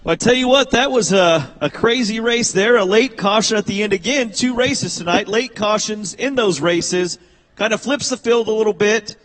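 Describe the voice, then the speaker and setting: A man's voice: high-pitched, moderate pace, a bit bright, poor audio. A man interviewing a race winner in victory lane, folksy and chatty. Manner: folksy, repeats "I tell you what". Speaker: track-side interviewer.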